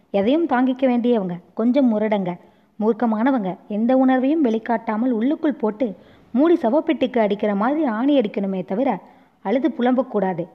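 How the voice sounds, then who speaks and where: Woman doing a soft-spoken consoling man. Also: a little high, close to an everyday voice. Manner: soft, soothing, patient. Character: gentle consoling grown man comforting a weeping woman. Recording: dull lo-fi recording.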